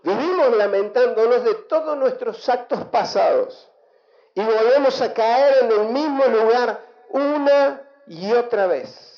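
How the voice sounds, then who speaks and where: High-voiced Argentine pastor preaching slowly. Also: male voice. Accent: Argentine Spanish. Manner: emphatic preaching with call-and-response. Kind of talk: sermon. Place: church hall. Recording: echoey church hall, dull lo-fi sound.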